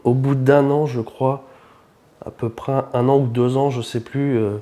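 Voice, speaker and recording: A man, a shop founder and podcast guest, telling his own story in a lively, informal, first-person way. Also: mid-range voice, measured pace. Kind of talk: casual storytelling interview.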